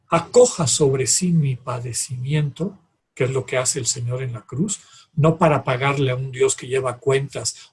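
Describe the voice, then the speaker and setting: A man giving a calm, measured talk on contemplative prayer, speaking straight to his listeners. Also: mid-range voice, breathy edge.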